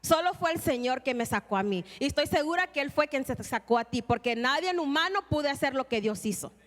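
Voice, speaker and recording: A woman's voice: high-pitched, animated, fairly quick, long reverb tail. A woman preaching an earnest, emphatic sermon and reading scripture in a church.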